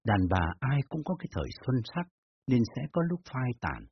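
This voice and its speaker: A man voicing a calm, even-tempered older father in an audiobook, speaking in a measured way. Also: mid-range voice, slight background noise. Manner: measured, reasoning. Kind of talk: dramatized audiobook reading. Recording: dull lo-fi with faint music.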